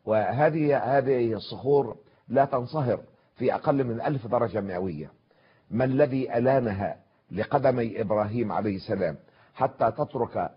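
Husky older man lecturing on scripture. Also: fairly low pitch. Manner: measured, reciting verses, pausing with drawn-out fillers. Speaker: scholar giving a televised Quran commentary. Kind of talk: formal televised religious lecture. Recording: dull lo-fi broadcast audio.

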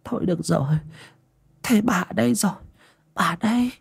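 A man's voice: sits high, normal speed, gravelly, husky, pitched above the performer's own voice, heavily acted. A man voicing a frail, toothless grandmother over eighty in an audio story, with a quavering voice. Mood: soothing. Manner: quavering wail.

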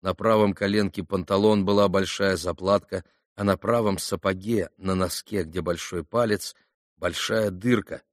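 A man narrating a classic novel in an even, measured audiobook reading. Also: low-pitched, no echo, studio quality.

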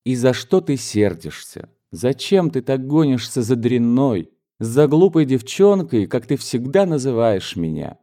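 A man's voice: medium pitch, very animated, a little slow, hardly any pauses, dark tone, voice pushed up. A man raising his voice to play an earnest young woman. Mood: reproachful. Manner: heated, pleading reproach.

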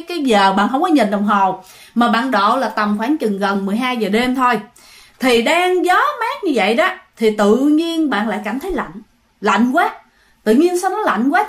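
A woman narrating a ghost story in a chatty way and speaking straight to her listeners. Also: high voice. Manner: chatty, addresses listeners directly.

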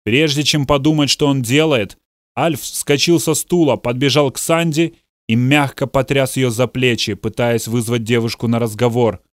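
A man's voice: medium pitch, fairly even intonation, moderate pace, no echo, clean studio sound. A man reading a novel aloud in a dramatic audiobook style, voicing the characters' outbursts. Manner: dramatic, voices the characters' shouts. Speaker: narrator. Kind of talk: audiobook narration.

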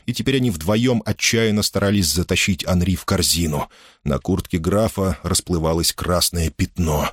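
A man with a low, lively voice narrating a dramatic audiobook. His storytelling is measured and expressive. The sound is dry and close. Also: dry recording.

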